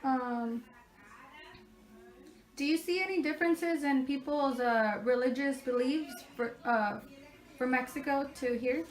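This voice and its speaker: A woman asks prepared interview questions for a class assignment. Her voice is fairly high, and she pauses often with ums between her words. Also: poor audio. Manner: hesitant, many ums. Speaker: student interviewer.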